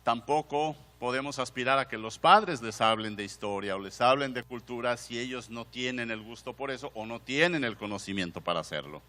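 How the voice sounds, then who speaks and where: A man's voice: mid-range voice, fairly quick, hardly any pauses, sharp tone. A man with a Mexican Spanish accent gives a conversational conference talk, putting questions to the audience and often restarting his phrases. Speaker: museum director giving a conference talk. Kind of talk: conference lecture. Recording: long hall reverb.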